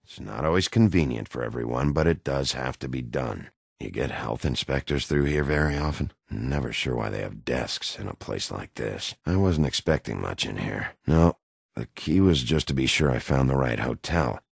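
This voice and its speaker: A brooding big bad wolf turned detective for a video game. The voice is extremely low and full of gravel, husky at the edges. He speaks tersely and dryly, like a dogged investigator, in a close, dry recording. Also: expressive, normal speed, no room sound, heavily acted. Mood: guarded, dry. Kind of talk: video game dialogue acting.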